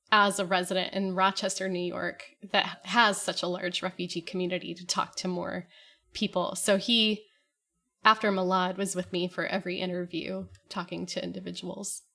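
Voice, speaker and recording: A woman composer talking about her work in a relaxed interview, chatty with frequent fillers. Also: medium pitch, creaky. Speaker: composer and guest. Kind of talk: casual interview talk.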